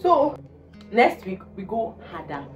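A woman's voice: medium pitch, unhurried, soft background music. Exasperated young Nigerian woman ranting. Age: young adult. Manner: exasperated, animated ranting with laughs. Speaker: vlogger. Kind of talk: casual vlog rant. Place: indoors, living room. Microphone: phone camera.

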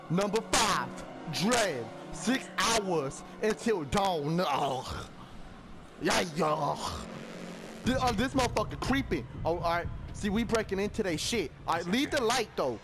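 Excitable, profane man, high and lively. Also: measured pace. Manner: profane, excitable, talks to the screen. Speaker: gaming commentator. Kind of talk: let's play commentary. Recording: game music behind.

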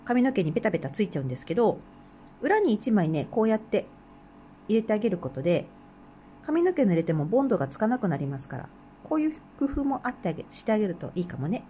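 A woman's voice: mid-range voice, very animated, quick pace, warm tone, slight background noise. A woman with a Hokkaido Japanese accent, hosting a craft channel and chatting casually while she works, laughing often and murmuring to herself. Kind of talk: casual craft tutorial chat.

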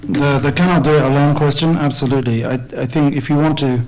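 Middle-aged male panelist, a touch high-pitched, careful and halting, speaking into a table mic. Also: fairly even intonation, darkish tone, faint music behind, low-quality recording. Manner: measured, restarts phrases, clears throat often. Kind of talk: panel discussion answer. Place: conference hall. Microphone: table microphone.

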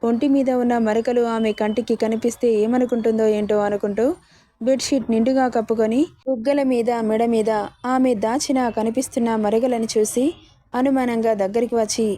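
A woman's voice: fairly high pitch, fairly even intonation, normal speed, mellow, no room sound. A woman narrating a dramatic story and reading all the characters' lines in her own voice.

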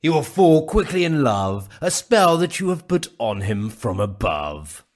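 Male actor as pantomime rat king: vain, gloating, sneering; slow rhymed delivery, very animated pitch. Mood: scornful. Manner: sneering, rhyming, drawn-out delivery. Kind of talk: pantomime radio play acting.

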